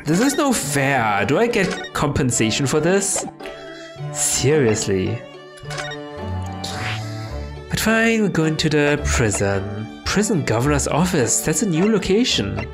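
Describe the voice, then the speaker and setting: Man, let's play commentary, sarcastic, chatty, slow, game music behind. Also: a little high, big pitch swings. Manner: chatty, sarcastic, laughing asides.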